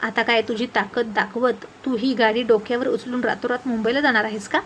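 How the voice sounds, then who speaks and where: A woman voicing a spirited, outspoken young woman in a storybook tale, with a lively, scolding manner. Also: a little high, brisk, a little hiss or hum, close to an everyday voice.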